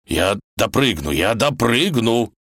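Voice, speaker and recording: A man voicing a loyal, flustered talking grey wolf in a storybook reading, hurried in manner. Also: medium pitch, sing-song, a bit bright, no room sound, clean studio sound, pitched above the performer's own voice, heavily acted.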